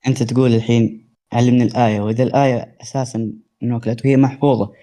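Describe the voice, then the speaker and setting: A man's voice: medium pitch, steady tone, warm tone. A man calling in, answering defensively and hesitantly in casual dialect. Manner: speaks fast colloquial dialect, defensive and hesitant. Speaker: caller. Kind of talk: casual phone-in reply.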